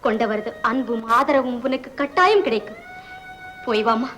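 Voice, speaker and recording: A dignified sister-in-law who advises in calm, formal sentences. Her voice is high, with music clearly playing behind her. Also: rough recording. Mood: admonishing. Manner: measured, formal admonishing. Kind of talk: 1950s Tamil film acting.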